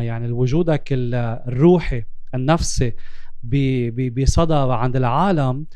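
A man's voice: on the high side, dark tone, smooth, dry recording. A man with a Lebanese Arabic accent hosting a reflective interview in a life-coach style, dropping English terms into his Arabic and repeating words for emphasis. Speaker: interviewer and host.

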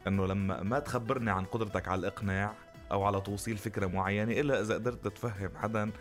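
Rapid-fire joking radio host man. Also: on the low side, steady tone, soft background music. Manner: jokey, laughs often. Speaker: radio morning show host. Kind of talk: lively radio banter.

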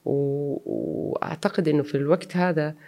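A woman's voice: deep voice, steady tone, normal speed, mellow. A woman, speaking earnestly and reflectively as an interview guest, mixing in English words. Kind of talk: personal interview.

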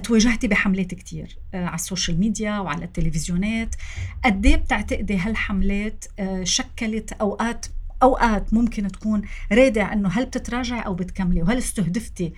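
A woman's voice: mid-range voice, fast talker. A woman with a Lebanese Arabic accent hosts a political interview, putting questions to her guests. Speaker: interviewer, host.

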